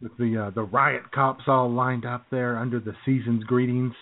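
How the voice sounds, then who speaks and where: Over a tinny, phone-line internet radio feed, a man co-hosts a political comedy show, trading casual, wry jokes and chuckling often. His mid-range voice keeps a steady tone at a moderate pace.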